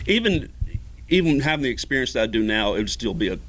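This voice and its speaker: A man's voice: medium pitch, very animated, fast talker, noisy background. A middle-aged man, a ski patroller, telling stories in a casual interview, rambling with many fillers. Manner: rambling, many fillers, acts out quoted voices. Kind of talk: casual storytelling.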